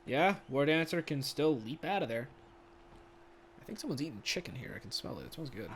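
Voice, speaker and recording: A man's voice: on the high side, brisk. Guy casually calling a board game match, chatty and jokey, faint hiss behind. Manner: chatty, excitable, laughs often. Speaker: game commentator. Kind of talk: casual play-by-play commentary. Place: home room.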